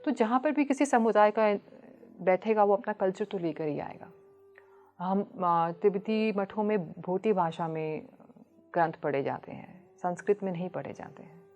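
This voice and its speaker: A woman, a Buddhist nun, speaking in a calm, measured way as a podcast guest, slipping English phrases into her talk. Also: medium pitch, muffled recording, soft background music.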